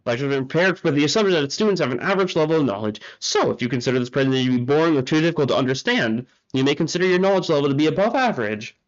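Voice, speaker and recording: A man's voice: on the high side, lively intonation, rapid-fire, few pauses, highs cut off, natural voice. Man voicing a cold, condescending researcher. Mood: cold lecturing. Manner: formal, lecturing, patronizing. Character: cold condescending adult male researcher lecturer.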